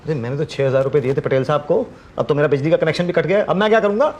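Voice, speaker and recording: A man's voice: racing, darkish tone, lo-fi sound, natural voice. A man playing a poor, naive salaried customer who pleads and laughs his way through a comedy sketch. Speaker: hapless customer. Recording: noisy low-budget sketch audio.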